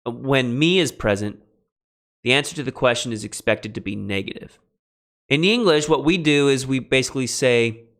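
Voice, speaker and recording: A man teaching a lecture on biblical Greek grammar, emphatic and lively, with quick asides to his students. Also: mid-range voice. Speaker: Greek instructor. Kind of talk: recorded classroom lecture.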